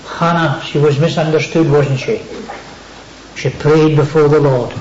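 A man's voice: fairly high pitch, steady tone, measured pace, a little mellow, reverberant, lo-fi sound. A man preaching a sermon, dwelling on key words and repeating them for emphasis.

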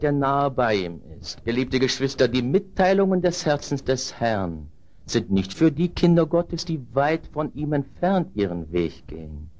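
A man preaching a sermon in earnest, dropping low and quiet, then rising loud and high for emphasis.

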